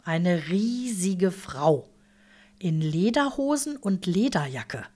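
A woman reading a story aloud in a lively, wry manner. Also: lowish voice, slow. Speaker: narrator.

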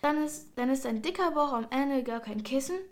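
A woman's voice: high voice, normal speed, natural voice. A woman voicing an eager, teasing young boy in a storybook reading.

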